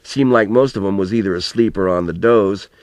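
A man with a fairly low, slightly mellow voice, close to everyday speech, reads briskly in a dry recording. He takes the role of an aging farmer grandfather in a storybook, offering rambling, earnest, reflective reminiscences in plain, folksy rural talk with some mild swearing.

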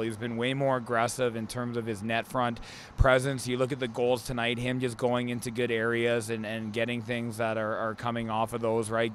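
A man's voice: mid-range voice, fairly bright tone, a little hiss or hum. A man, an assistant hockey coach, giving an earnest postgame interview with many fillers, into a handheld mic in an indoor ice arena.

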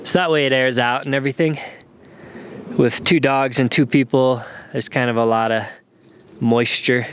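A man in his thirties talks casually while camping outdoors. His voice sits at an ordinary middle pitch, and he explains things in an unhurried, easygoing way. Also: steady tone, a bit bright, clear, resonant tone. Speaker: camping vlogger. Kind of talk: casual camping vlog narration. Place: outdoors at a mountain campsite.

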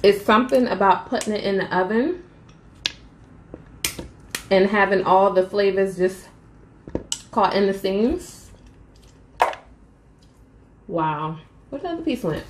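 A young woman in a casual mukbang vlog chats animatedly with viewers, addressing them as "y'all" and eating between sentences. Her mid-range voice takes things slowly, with long pauses. She's in a small room at home, and the recording is reverberant with slight background noise.

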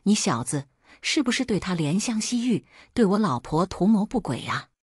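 A woman storyteller doing a swaggering drunken bully husband, sneering and contemptuous, a husky voice that swoops up and down, dry close sound, for a storybook tale. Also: mid-range voice, sing-song, normal speed, no room sound. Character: rough drunken young man, bullying gambler husband.

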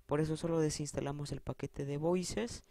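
A man hosting a relaxed tech tutorial, with a mellow and slightly high voice. He calmly walks viewers through each step. The recording is dry and close. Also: moderate pace, vocal fry, no room sound. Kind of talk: casual screen-reader tutorial.

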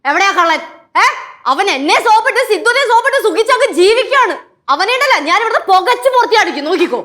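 A woman's voice: very high voice, lively intonation, quick pace, pushed and bright, heavily acted. An actress playing a quarrelsome, scolding woman in a family sitcom. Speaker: sitcom character. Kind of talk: TV sitcom acting.

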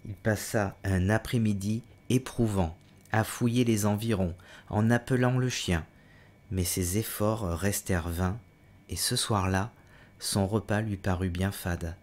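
Low-voiced man reading an audiobook. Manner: steady measured reading, voicing the hero's cries with louder higher lines. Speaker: audiobook reader. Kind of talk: audiobook narration of a novel.

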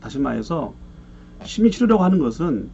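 A man preaching a sermon, telling a story with lively, acted-out quotes. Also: on the high side, a little fast, vocal fry, husky. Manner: animated storyteller, acts out quoted voices with shouting. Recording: muffled lo-fi recording with faint hum.

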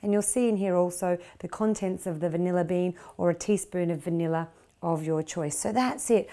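A woman's voice: medium pitch, dark tone, slight background noise. A middle-aged woman hosting a cooking show, chatting encouragingly as she demonstrates a recipe in a kitchen. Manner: chatty, encouraging, talks while working. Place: home kitchen studio, indoors.

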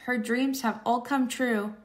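A woman with a slightly high voice reads a children's story aloud, deliberate and expressive in her storytelling.

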